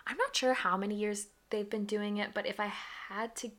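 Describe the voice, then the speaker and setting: A woman's voice: medium pitch, fairly even intonation, moderate pace, fairly bright tone. A young woman from the United States co-hosting a casual podcast, playful and talkative, explaining things at length with frequent laughs. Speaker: podcast co-host. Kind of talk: casual chat.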